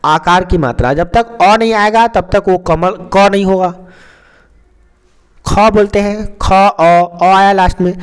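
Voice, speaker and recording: A young man teaching a lesson who explains slowly, draws out sounds and keeps asking questions and answering them himself. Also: high-pitched. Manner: slow and repetitive, stretches out sounds, asks and answers himself.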